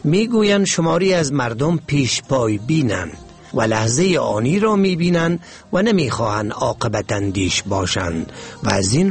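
A man narrating a moral fable in a measured, moralizing storytelling manner. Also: medium pitch.

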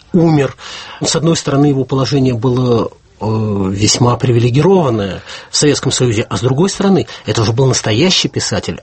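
A man's voice: medium pitch, slightly rough. A man interviewing a writer on the radio, formal in tone, explaining things to the listeners.

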